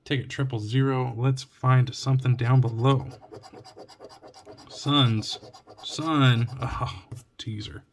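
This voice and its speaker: This is casual narration from a young man from Oregon who runs a scratch-ticket channel, scratching lottery tickets at home late at night and voicing each symbol in a tired, cracking way. His medium-pitched Oregon US English is slow and fairly even, broken by long pauses, with slight background noise. A phone or camera aimed down at the table picks up coin scratching and clicks.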